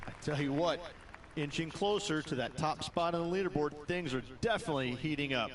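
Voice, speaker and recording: A man's voice: on the high side, a little fast, recorded from a distance, close to an everyday voice. A man voicing a folksy, keen golf analyst giving commentary in a video game.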